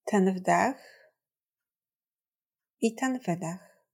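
A woman guiding a body scan meditation in a gentle, calm, soothing and measured way, leaving long pauses. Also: medium pitch, gravelly, slightly rough. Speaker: meditation guide.

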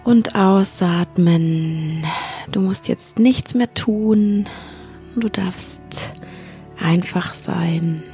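A woman who is a podcast host and yoga teacher, guiding a sleep meditation in a soft, slow voice that often drops to a half-whisper. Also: fairly low pitch, soft background music.

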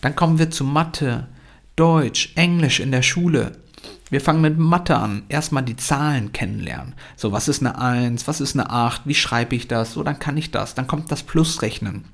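Young guy hosting a motivational podcast, punchy and emphatic, average pitch. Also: normal speed, vocal fry. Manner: energetic, emphatic, mixes in English phrases. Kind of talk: motivational monologue.

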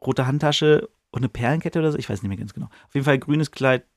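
A young man chats through a book chapter on his podcast. His talk is slangy and full of fillers, and his voice sits at a middling pitch. The recording is dry and close. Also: fast, no room sound. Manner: slangy, chatty, many fillers. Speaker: podcast host. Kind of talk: casual retelling of a book chapter.

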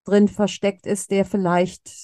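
A woman's voice: mid-range voice, little pitch movement, measured pace, mellow, no echo, clean studio sound. A woman with a Swiss German accent who hosts a podcast, asking thoughtful follow-up questions in a casual conversation. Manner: reflective, asks follow-up questions. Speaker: podcast host.

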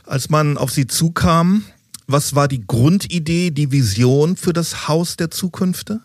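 A man's voice: fairly high pitch, measured pace, no echo, clean studio sound. A man hosting a podcast interview, asking prepared questions in a composed, scripted way.

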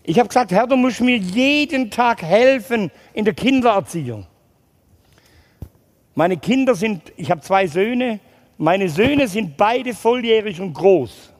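A middle-aged Swabian man giving a slow testimony to an audience, acting out the people in his story. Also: high voice, lively intonation, big-room sound. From Swabia, Germany. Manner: slow storytelling, acts out quotes in dialogue. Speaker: lay preacher telling his life story.

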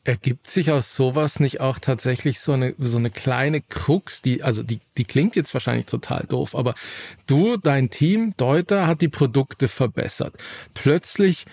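A man's voice: medium pitch, a little slow, gravelly, darkish tone, dry recording. A man interviewing informally, feeling his way through his questions. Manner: informal, searching for words.

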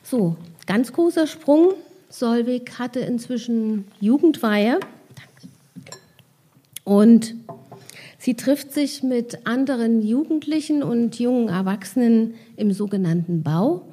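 A woman reading her own novel in calm, measured first-person narration, with casual asides in between. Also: on the high side, breathy edge.

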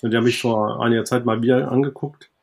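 A man talking as a podcast guest in a relaxed interview, thinking aloud with many fillers and restarts. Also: medium pitch, fast talker, gravelly, husky. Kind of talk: conversational interview.

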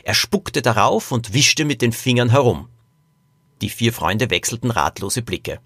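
Animated male storyteller. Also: mid-range voice, measured pace, dry recording. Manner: expressive, animated reading. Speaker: author reading his story. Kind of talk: scripted storytelling narration.

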